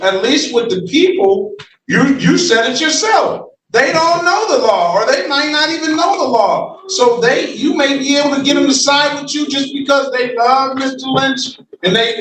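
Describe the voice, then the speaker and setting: A woman's voice: high-pitched, moderate pace, fairly bright tone. Lady judge, blunt n repeats stuff for emphasis, kinda far from the mic, echoey courtroom. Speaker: judge presiding over a hearing. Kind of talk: informal courtroom exchange. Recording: echoey, noisy courtroom audio from afar.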